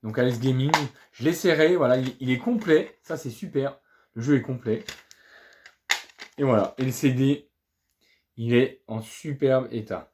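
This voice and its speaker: A man's voice: mid-range voice, a little slow, pauses often, a little mellow. Chatty, hesitant man showing his finds. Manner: chatty, hesitant, keeps restarting words and saying voilà; upbeat and pleased. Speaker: video game collector showing flea market finds. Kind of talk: casual unscripted vlog.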